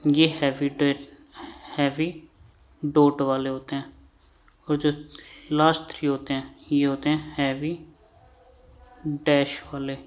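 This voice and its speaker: A man's voice: a little high, slight background noise. A man with an Indian English accent teaching shorthand vowels, patiently repeating each term while he writes. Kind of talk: slow classroom lesson at a board.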